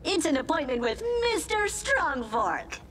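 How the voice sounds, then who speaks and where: A chipper, bureaucratic lab AI. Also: female voice, high-pitched, very animated, unhurried, a bit bright, slight background noise, heavily acted. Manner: chipper, precise, formal. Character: cheerful female lab AI, politely bureaucratic.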